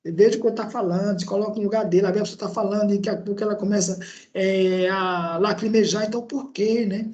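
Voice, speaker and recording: A man's voice: high-pitched, fairly even intonation, fairly quick, darkish tone, dull audio. A man with a Brazilian accent giving an online lecture as an instructor. He talks in a conversational way, with frequent tag questions and hesitations. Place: indoor room at a laptop. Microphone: laptop microphone.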